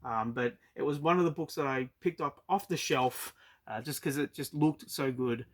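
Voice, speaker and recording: Aussie guy rambling about comics, lots of ums, mid pitch. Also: moderate pace. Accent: Australian. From Australia. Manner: hesitant, many ums and uhs. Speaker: comic book collector vlogger. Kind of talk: casual review chat. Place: storage unit.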